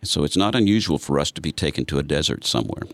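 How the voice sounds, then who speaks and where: A man's voice: rumbling low, animated, very fast, a bit bright, no room sound. A man interviewing guests in a chatty way, often restarting his sentences. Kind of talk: conversational interview.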